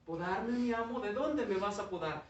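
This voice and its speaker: Hombre haciendo de bambú suplicante de voz aguda. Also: male voice, normal speed, far from the mic, slight background noise, close to an everyday voice. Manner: high, imploring, earnest. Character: eager young bamboo plant, devoted, pleading. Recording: echoey dull church sound from afar.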